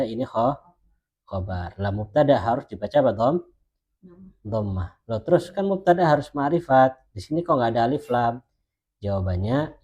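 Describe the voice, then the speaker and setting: A man teaching Arabic grammar in an online class, who explains patiently and says example phrases slowly and carefully. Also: medium pitch, darkish tone, breathy edge, lo-fi sound.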